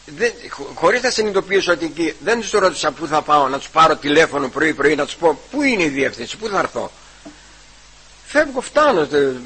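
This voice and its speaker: A man giving a personal testimony at church. He retells the conversations and keeps repeating "I say" and "he says", with halting restarts. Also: a little high, big pitch swings, bright, forceful tone, husky, low-quality recording.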